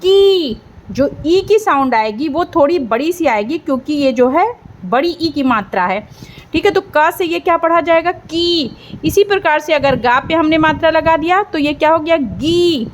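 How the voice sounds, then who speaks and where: A woman teaching a beginners' writing lesson as host, speaking slowly and clearly and drawing out sounds to show them. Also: high-pitched, expressive, slight background noise. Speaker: Hindi teacher.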